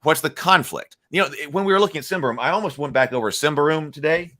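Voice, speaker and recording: Fast and fairly bright, this livestream host's voice sits fairly high as he works through viewer chat, reading comments aloud and replying. His casual talk is full of restarts and fillers as he thinks aloud.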